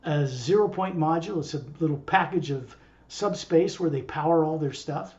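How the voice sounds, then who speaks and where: A man's voice: a little high, moderate pace, a little mellow, lo-fi sound. A man who acts as a spiritual teacher, talking casually and digressively to a small group. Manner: rambling, digressive.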